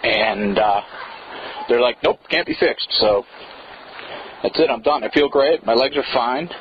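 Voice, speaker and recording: A man's voice: mid-range voice, a little slow. Man's report played back through a speaker. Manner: blunt, frustrated, wry, swears casually. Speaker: mountain bike racer phoning in a report. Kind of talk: casual spoken field report. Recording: dull lo-fi sound with faint hiss.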